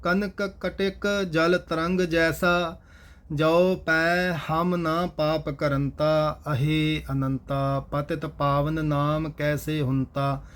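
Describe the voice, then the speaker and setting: A man with a Punjabi accent reciting scripture in a slow chant, pausing to explain how each word should be pronounced. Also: fairly high pitch, little pitch movement, a bit bright, smooth. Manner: measured, instructive, repeats each correct pronunciation. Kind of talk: slow chanted scripture reading with spoken pronunciation notes.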